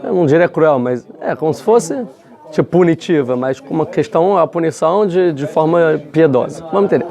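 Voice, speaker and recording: A man's voice: on the high side, expressive, brisk, vocal fry, warm tone. A man teaching a casual religious lesson, talking in a chatty way with frequent rhetorical questions and restarts. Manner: conversational, many fillers and restarts, rhetorical questions.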